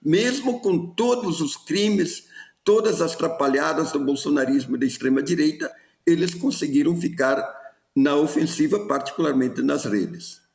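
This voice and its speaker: A man's voice: on the high side, moderate pace, creaky. A man with a Brazilian Portuguese accent, a professor giving emphatic political analysis on a live news panel over a remote call, often restarting phrases. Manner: animated, many restarts, emphatic. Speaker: political science professor, commentator. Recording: roomy echo.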